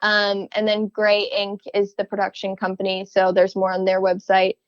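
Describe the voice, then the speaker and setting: A young woman guest in a casual interview, speaking thoughtfully with frequent restarts and small soft laughs. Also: mid-range voice, completely flat delivery, moderate pace, no room sound, lo-fi sound. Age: young adult.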